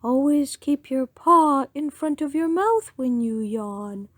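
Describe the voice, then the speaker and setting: A woman's voice: sits high, animated, takes it slowly, dry recording, clean studio sound, voice pushed up. A woman voicing a fat old male owl who hoots and scolds. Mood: scolding. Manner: hooting, scolding.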